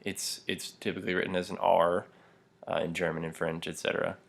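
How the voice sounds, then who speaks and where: A young adult male language teacher leads a pronunciation lesson step by step, using many fillers and small laughs as he demonstrates throat sounds. His voice is low, flat, brisk and gravelly.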